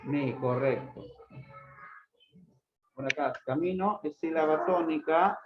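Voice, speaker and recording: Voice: mid-range voice, slow. Insistent teacher quizzing a noisy echoey class. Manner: insistent, quizzing students by name with repeated questions; stern, scolding students for not reviewing the book. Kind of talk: classroom grammar lesson. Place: classroom with students. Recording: echoey room, dull lo-fi sound, loud background noise.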